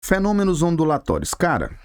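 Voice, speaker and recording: Brazilian guy giving a physics lesson, kinda high voice, dry sound, super chatty and casual w the viewer. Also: wildly swooping pitch, fairly quick, no room sound. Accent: Brazilian Portuguese. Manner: chatty, addresses viewer directly with slang. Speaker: physics teacher. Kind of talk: video lesson. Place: classroom with a board.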